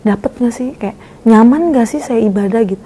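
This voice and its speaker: Young woman, lively storyteller, mellow low-bright tone, casual interview guest. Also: normal speed, slightly rough. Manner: lively storyteller acting out quoted dialogue. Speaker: guest sharing her conversion testimony.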